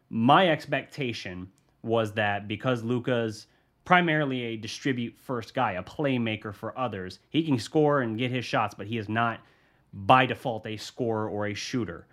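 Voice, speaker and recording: A man's voice: medium pitch, fairly bright tone. A man hosting a sports podcast, talking through his views casually and thinking aloud, with frequent restarts. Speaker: podcast host, sports journalist. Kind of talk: solo sports podcast commentary.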